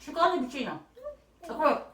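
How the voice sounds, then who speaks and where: A mother vlogs casually with her young child, sampling snacks and joking around in a playful, animated way. Her voice sits high and moves fairly quickly. The room is echoey, the mic is at a distance, and there's faint noise.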